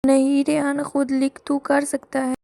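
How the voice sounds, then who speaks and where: Calm principled schoolboy, woman voicing him, high voice, dry close sound. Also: vocal fry, no echo. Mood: firm. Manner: calm, earnest.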